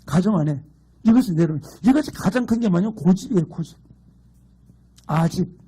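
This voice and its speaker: A man's voice: high voice, expressive, a little fast, warm tone, husky. A middle-aged man from Gangwon Province preaching a sermon as pastor, emphatic and mixing in humorous folksy stories. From Gangwon Province, Korea.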